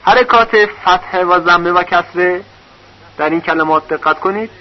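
Patient male teacher with a high voice, sounding out syllables slowly in a recorded lesson; muffled, lo-fi sound. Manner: patient, spells out syllables one by one. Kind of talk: recorded lesson on reading vowel marks. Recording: dull lo-fi recording.

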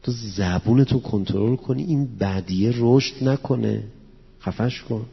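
A man's voice: on the low side, creaky, breathy edge. A man preaching to a gathered audience, mixing in quotations of scripture and poetry and leading them in prayer. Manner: quotes Arabic scripture and Persian verse, explains it plainly. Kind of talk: religious lecture. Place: hall with an audience. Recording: dull, echoey hall recording.

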